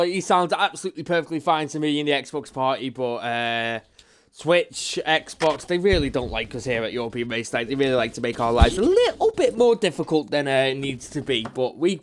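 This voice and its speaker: A man's voice: a little high, big pitch swings, normal speed, slight background noise. A man commentating a sim-racing league broadcast live, chatty and upbeat, running through the grid.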